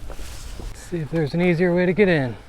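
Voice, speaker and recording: A man's voice: a little high, normal speed, a little mellow, slight background noise. A man talking casually to his vlog, thinking aloud as he explores outdoors. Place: outdoors at an abandoned island fort.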